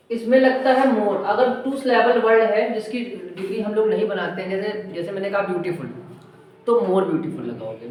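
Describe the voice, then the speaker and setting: A man with a high voice teaches an English grammar lesson. He explains patiently and keeps asking the pupils questions. His voice booms around a very echoey classroom, with the mic some distance away. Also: a little mellow. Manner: explains slowly, asks pupils questions and repeats their answers.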